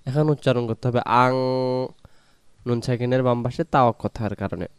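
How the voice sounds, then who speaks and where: A man's voice: mid-range voice, moderate pace, clear, resonant tone, no echo, studio quality. A man teaching Quran pronunciation, patiently drawing out and repeating each syllable for learners. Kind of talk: slow pronunciation lesson with drawn-out recitation.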